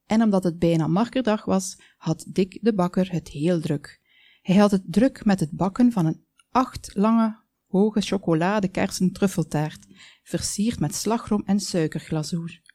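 A woman calmly reading a children's story aloud, with small slips now and then. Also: mid-range voice, unhurried, no echo. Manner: calm, with small slips and asides.

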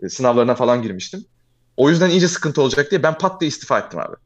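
A young man telling a long personal story in casual chat, fast and animated, often calling the listener "abi". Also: medium pitch, dull audio.

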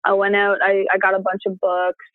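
A woman's voice: medium pitch, completely flat delivery, brisk, dry recording. A woman chatting casually, telling a personal story and acting out what she and others said. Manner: chatty storytelling, acts out her own past words. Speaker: interviewee. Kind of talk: casual conversation. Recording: tinny phone line.

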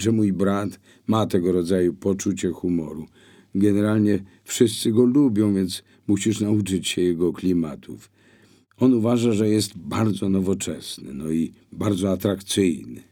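A man reading an audiobook, voicing a bold young woman who speaks lively and persuasively. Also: lowish voice, measured pace, pitched above the performer's own voice. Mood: eager.

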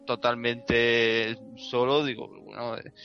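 A man's voice: medium pitch, little pitch movement, takes it slowly, vocal fry, lo-fi sound, soft background music. A man giving his frank, blunt opinion on a game in casual chat, swearing freely. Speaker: podcast co-host.

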